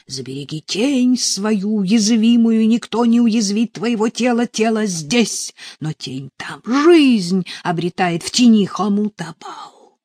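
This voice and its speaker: A woman's voice: mid-range voice, expressive, slow pace, darkish tone, dry recording, studio quality, pitched above the performer's own voice. A woman voicing a menacing male sorcerer who chants a ritual in a commanding, incantatory way, read for an audiobook. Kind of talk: audiobook reading.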